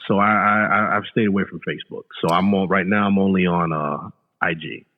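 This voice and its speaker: Chatting casually on a podcast, a late-thirties man speaks fairly quickly in a deep, steady voice, often repeating himself and dropping "you know." His line sounds phone-like and remote, with long reverb.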